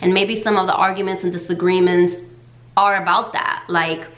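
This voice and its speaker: Chatty woman tarot reader, bright tone. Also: steady tone, moderate pace, echoey room. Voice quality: lower fall voice. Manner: chatty, many fillers like "like" and "um". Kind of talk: casual tarot reading.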